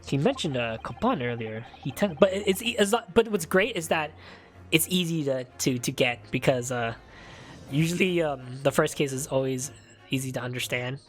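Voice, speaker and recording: A man's voice: mid-range voice, expressive, normal speed, soft background music. A man streaming a game, giving casual commentary as he plays and reads along. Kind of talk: casual playthrough commentary and read-aloud.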